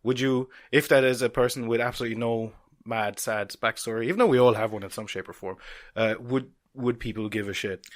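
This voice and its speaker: A man's voice: mid-range voice, fairly even intonation, fairly quick, few pauses. Blunt, opinionated man podcasting. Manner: blunt, opinionated, swears casually. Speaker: podcast co-host. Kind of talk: casual chat.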